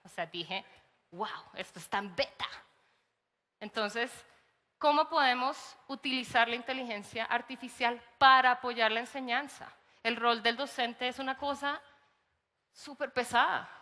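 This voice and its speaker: A Colombian woman teacher giving a lively conference talk, telling stories and acting out little quotes. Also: fairly high pitch, normal speed, in a large hall. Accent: Colombian Spanish. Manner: lively, animated storytelling with acted quotes and laughs. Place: large conference hall.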